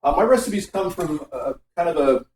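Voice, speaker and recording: A man hosting a casual home cooking video in his kitchen, chatting in a relaxed, rambling way that drifts off topic. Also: on the high side, moderate pace, slight background noise. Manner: relaxed, filler-heavy talk. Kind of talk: casual cooking vlog chat.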